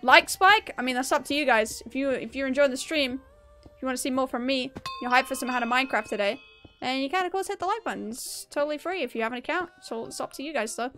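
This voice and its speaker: A woman's voice: high-pitched, fast talker, a bit bright, faint music behind. A young woman streaming a game, chatting casually and upbeat with her viewers and laughing often. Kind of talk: casual live-stream chat while gaming.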